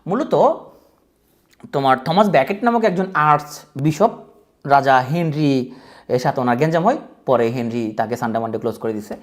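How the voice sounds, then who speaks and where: A man with a Bangladeshi Bengali accent teaches an exam-prep lesson in a loose, colloquial way, dropping self-mocking jokes as he goes. His pitch swings widely, rising and falling through each explanation, and he talks to his students directly. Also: animated, normal speed, pauses often. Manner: chatty, joking, colloquial, addresses students directly. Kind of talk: casual exam-prep lecture.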